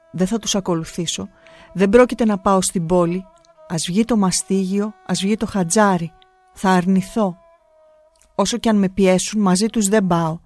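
A woman's voice: medium pitch, darkish tone, no echo, close to an everyday voice. Storybook boy, defiant but scared, pleading hard; woman reader. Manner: earnest, vehement pleading.

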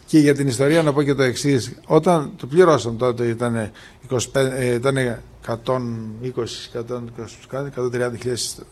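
A man telling religious miracle stories in a lively retelling style, often stopping to repeat who said what and trailing off into restarts. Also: medium pitch. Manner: animated retelling, constantly repeating "he says", acting out quoted dialogue. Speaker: storyteller recounting miracles. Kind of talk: religious storytelling talk.

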